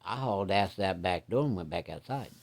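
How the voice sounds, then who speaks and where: A middle-aged man with a fairly low voice spins a long yarn from his boyhood. He talks in plain, folksy country grammar, slipping into the voices of the people in his tale. His telling is easygoing and conversational. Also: expressive, a little fast, creaky. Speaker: storyteller. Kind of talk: casual spoken storytelling.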